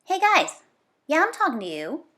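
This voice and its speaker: This high-voiced woman reads a children's book at a moderate pace, in the manner of a teacher. She keeps it lively and conversational, leaning hard on the words that repeat.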